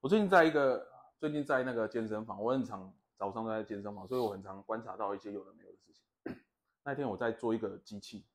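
A man's voice: fairly low pitch, fast. A man, hosting a casual podcast chat and telling rambling stories that he laughs at himself. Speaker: podcast host.

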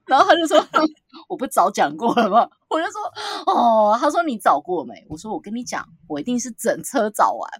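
Woman, podcast co-host, lively storyteller; higher pitch, swoops a lot, dry close sound. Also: a little fast, breathy edge, no echo. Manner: animated storyteller, acts out quotes, laughs often. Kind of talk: casual storytelling chat.

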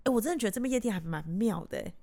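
A woman podcast host with a Taiwanese accent, chatting casually in an animated, teasing way. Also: fairly high pitch, rapid-fire. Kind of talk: casual chat.

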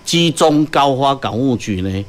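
A man with a Taiwanese Mandarin accent speaks as an executive guest in an interview. His pitch is average for a man, and he explains things haltingly, in short phrases ending in particles. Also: lively intonation. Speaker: guest, port company executive.

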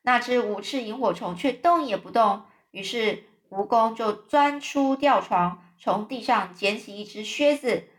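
A woman reading a children's story aloud in a lively, chatty way, adding casual fillers. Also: fairly high pitch.

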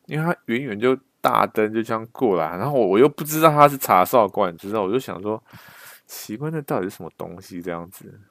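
A man's voice: on the low side, animated, fast, fairly bright tone, no room sound. A young man, casually telling a story with lots of restarts and slang.

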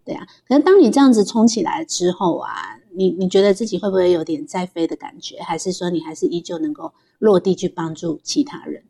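Mellow-voiced woman interviewer. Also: on the low side, a little fast, gravelly, few pauses, slightly rough. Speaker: interview host. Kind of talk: casual interview with short questions and responses.

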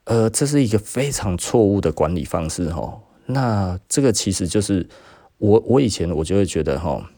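Host: Taiwanese Mandarin man in his 40s, low and warm voice, dry close sound, chatty storyteller who laughs a lot. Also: expressive, moderate pace, no room sound. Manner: chatty, laughs often, acts out quotes. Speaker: podcast host and business owner. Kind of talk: casual storytelling monologue.

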